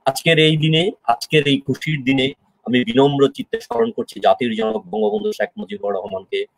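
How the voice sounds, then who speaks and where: A man from Bangladesh hosting an online poetry gathering, speaking in a solemn, measured, declamatory way. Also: medium pitch, lively intonation, no echo, poor audio. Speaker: host. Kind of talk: formal tribute speech.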